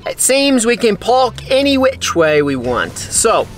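A man's voice: extremely high pitch, very animated, unhurried. A man in his thirties, a travel vlogger, talking casually to a camera held at arm's length, joking and teasing as he goes. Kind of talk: casual vlog narration. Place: inside a car and outdoors in a city. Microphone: camera mic at arm's length.

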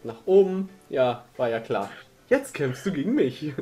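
A man's voice: a little high, very animated, unhurried, warm tone, husky. A man chatting casually as he plays a video game and reads out its lines in a silly, playful manner. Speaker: let's player. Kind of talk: casual gameplay commentary, reading game dialogue aloud. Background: game music.

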